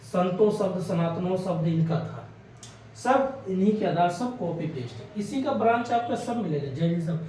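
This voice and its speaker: A man lectures an exam-prep class in a fairly high voice, chatty and repetitive, tossing out rhetorical questions. He sounds a step away from the mic, and his voice booms around a bare, echoing room. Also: normal speed, dark tone, far from the mic, slight background noise. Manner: conversational, repeats key words, asks rhetorical questions. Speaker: exam coaching teacher.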